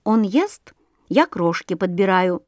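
A woman voicing a shouting, furious sparrow. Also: mid-range voice, sing-song, no room sound, clean studio sound. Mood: aggrieved. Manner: shouting, indignant, rapid outbursts. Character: hot-tempered male sparrow, family bird.

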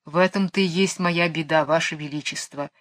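A woman's voice: low-pitched, fairly even intonation, brisk, lightly acted. A woman reading a storybook aloud, voicing a plaintive female cow who cannot stop dancing. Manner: plaintive, complaining. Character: gloomy lovesick cow dancing nonstop, female.

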